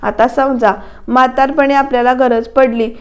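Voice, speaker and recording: A woman's voice: sits high, little pitch movement, moderate pace, muffled recording, lightly acted. A woman voicing an aging father who scolds and repeatedly presses his wife about money. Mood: insistent. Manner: insistent, scolding, repeats demands.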